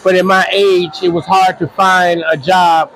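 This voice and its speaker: A man in his sixties from the United States, answering interview questions in a halting, earnest way with many restarts. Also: high voice, flat delivery, creaky, a bit bright, slight background noise, low-quality recording. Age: 60s. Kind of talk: casual interview.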